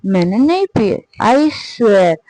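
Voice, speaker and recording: A woman's voice: medium pitch, very animated, slow, dark tone, no room sound, rough recording. A woman voicing a tipsy young woman who pleads and stammers while denying she has been drinking. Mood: pleading tipsy.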